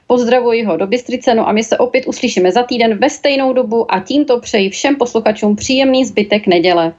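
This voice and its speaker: A woman radio host with a slightly raised voice, politely and briskly wrapping up her show. The sound is a little dull and muffled, like lo-fi radio. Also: on the high side, over music.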